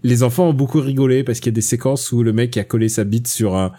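Male podcast host, mellow dark tone, chatty and digressive. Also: mid-range voice, steady tone, quick pace. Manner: chatty, digressive, with frequent restarts. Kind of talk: casual film chat.

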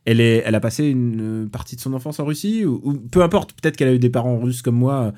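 A man with a middle-pitched voice talks through a film in a loose, casual podcast chat. He gets animated, swears freely and keeps trailing off and starting over as he riffs. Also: quick pace. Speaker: podcast co-host reviewing a film.

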